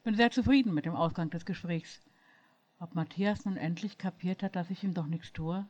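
A woman reading a first-person story aloud in a lively, expressive way. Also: fairly low pitch, normal speed, dull audio.

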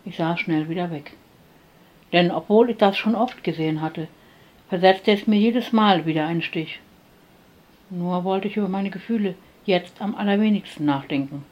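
A woman narrating a first-person story in a soft, calm reading voice. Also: fairly low pitch, highs cut off. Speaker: audiobook narrator.

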